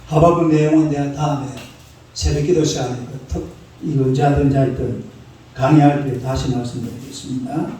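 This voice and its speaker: A man's voice: medium pitch, steady tone, brisk, dark tone. A middle-aged man preaching a sermon in a church, speaking colloquially and quizzing the congregation with questions he answers himself. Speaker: pastor. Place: church sanctuary. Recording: roomy church sound from a distant mic.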